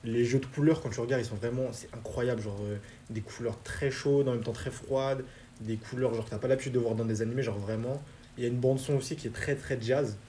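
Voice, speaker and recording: A man's voice: mid-range voice, fairly quick, slight background noise. A young man hosting a casual chat about anime, talking loosely in slang with lots of fillers. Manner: relaxed slangy talk with many fillers. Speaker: host.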